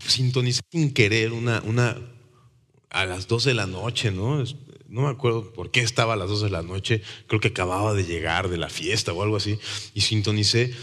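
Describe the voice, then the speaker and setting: Low-voiced Mexican man telling his story. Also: moderate pace, in a large hall. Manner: animated storytelling, acts out quoted voices. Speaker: testimony speaker. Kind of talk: conversational testimony.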